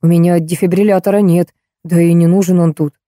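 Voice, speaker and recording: A woman's voice: on the low side, fairly quick, no room sound, studio quality, close to an everyday voice. A woman voicing a weary, gloomy male ambulance doctor in a storybook reading. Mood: grim. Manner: gloomy, flat.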